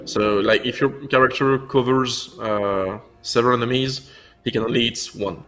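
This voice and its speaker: A man's voice: mid-range voice, steady tone, moderate pace, fairly bright tone, faint music behind. A man chatting on a livestream as a game developer, explaining in a conversational way. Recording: faint background noise, game sound behind.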